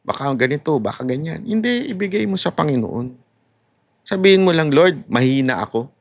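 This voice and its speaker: A middle-aged Filipino man with a Filipino accent, giving candid faith-based advice in a lively, conversational way and switching between Filipino and English. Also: fairly high pitch, fairly quick, creaky, dry recording, studio quality. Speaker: podcast host.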